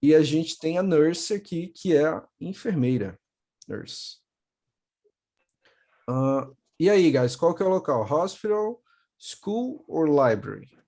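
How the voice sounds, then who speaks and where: Young Brazilian man, patient English teacher on a video call, mellow and unhurried. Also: a little high, big pitch swings. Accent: Brazilian Portuguese. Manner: patient, repeats words slowly for pronunciation. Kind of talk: online class for children.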